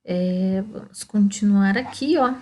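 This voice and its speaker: A woman's voice: medium pitch, mellow. A Brazilian woman teaching a primary school lesson, explaining step by step and checking in with "tá?". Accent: Brazilian Portuguese. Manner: slow, explaining, frequent "ó" and "tá?".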